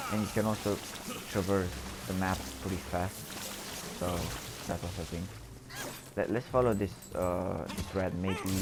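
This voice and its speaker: A man giving casual gameplay commentary as host, rambling and hesitant as he thinks aloud. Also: low voice. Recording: voice-over with game music behind.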